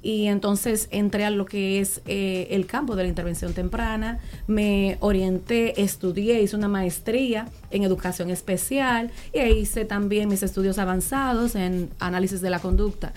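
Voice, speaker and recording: A woman from the Republic, talking earnestly as a special education guest on a panel, often pausing and restarting. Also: mid-range voice, fairly even intonation, darkish tone. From Dominican Republic. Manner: earnest, with frequent fillers and restarts. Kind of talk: panel talk.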